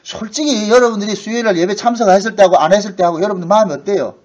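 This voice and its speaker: A man preaching a sermon as pastor, talking in a colloquial way and acting out quoted voices, from loud bursts to hushed asides. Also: sits high, very fast, highs cut off. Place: church sanctuary.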